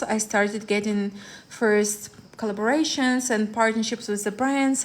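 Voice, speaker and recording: A woman, chatting on a live stream as a tarot reader, rambling with many fillers and restarts. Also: fairly high pitch. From Ukraine. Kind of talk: live-stream chat with viewers.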